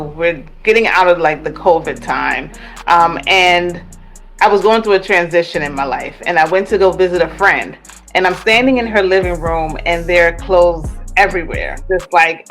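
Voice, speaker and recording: A woman from Jamaica, a guest in a casual interview, telling her story in an animated way and acting out the voices of the people she quotes. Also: fairly low pitch, moderate pace, faint music behind. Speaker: guest entrepreneur.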